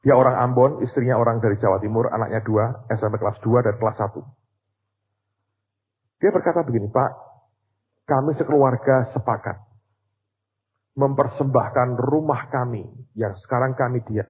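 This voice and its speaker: A man preaching a sermon in with a tinge, telling a story and swinging between hushed asides and loud cries. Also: medium pitch, moderate pace, long pauses, slightly rough. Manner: animated, swings from quiet to loud cries, addresses audience as "saudara". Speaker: pastor. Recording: tinny lo-fi recording in a reverberant hall.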